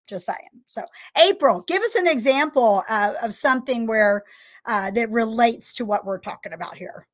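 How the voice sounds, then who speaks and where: A woman's voice: on the high side, animated, moderate pace. A woman hosting a faith-based chat, giving affirming, preacherly encouragement. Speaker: host.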